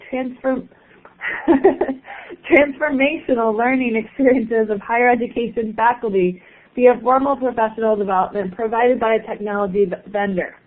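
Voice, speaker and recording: Upbeat female host reading an introduction, slightly high voice, tinny phone-like audio. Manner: upbeat, laughs at own slips. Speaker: webinar host.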